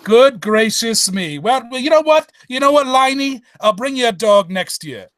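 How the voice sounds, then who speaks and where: A performer playing a flustered, bumbling old-fashioned English gentleman doctor in a comic radio play parody, stammering out exclamations. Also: mid-range voice, expressive, normal speed, no echo, clean studio sound, lightly acted. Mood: indulgent, flustered.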